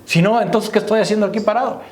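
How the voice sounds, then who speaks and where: A man preaches at a racing pace, his high voice slightly mellow. In the echoey church hall, the pastor keeps calling out "hermano" and asking the congregation "¿me entiende?"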